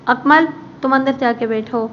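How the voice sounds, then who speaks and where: A woman's voice: sits high, unhurried. A woman voicing a strict, controlling older mother who speaks in a cold, commanding tone, read as a storybook figure. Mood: stern. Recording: muffled with faint background hiss.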